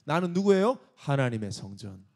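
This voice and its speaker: A man's voice: mid-range voice, sing-song, normal speed. A man preaching an emphatic sermon to young adults as pastor, scolding and asking rhetorical questions.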